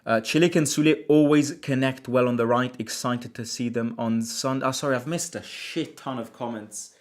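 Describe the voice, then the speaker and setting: Reading viewer comments during a relaxed livestream, this Italian football fan channel host talks in a mid-range voice with a steady tone at a moderate pace. He's chatty but often cuts himself off, starting over and repeating words.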